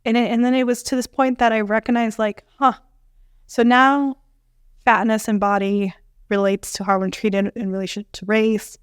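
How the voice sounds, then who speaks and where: Brief: young woman guest, smooth resonant voice, dry close sound, lively storyteller. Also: a little high, moderate pace, dry recording. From Bolivian family. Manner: animated, many fillers, acts out quoted dialogue. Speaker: dietitian guest. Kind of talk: conversational storytelling interview.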